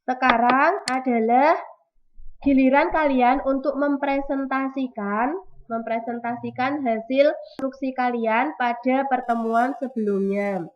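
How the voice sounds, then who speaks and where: A woman teacher giving an online class lesson over a video call, explaining slowly and repeating key terms. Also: sits high, fairly even intonation. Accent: Indonesian. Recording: dull lo-fi audio with clear noise.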